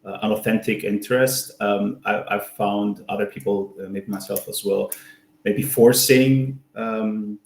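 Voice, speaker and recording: A man hosts an online user group meetup, chatting in a friendly way with lots of fillers and restarts. His voice sits on the low side with a darkish tone, fairly even intonation, and a measured pace. The recording is reverberant and low in quality.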